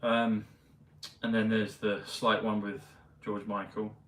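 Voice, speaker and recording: A man vlogging in a meandering, hesitant casual monologue full of pauses and fillers. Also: fairly low pitch, little pitch movement, a bit bright, slight background noise. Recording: roomy, mic at a distance, faint ambience.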